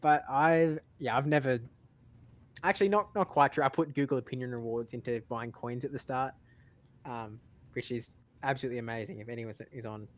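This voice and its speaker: A man chatting casually on a podcast, rambling and haltingly repeating words as he thinks aloud. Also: medium pitch. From lives in Australia. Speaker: podcast panelist.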